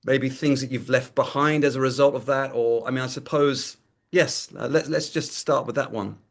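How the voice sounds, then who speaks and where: Male interviewer, mid-pitched voice, conversational, affirming, gently circling toward each question. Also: fairly even intonation, normal speed, vocal fry.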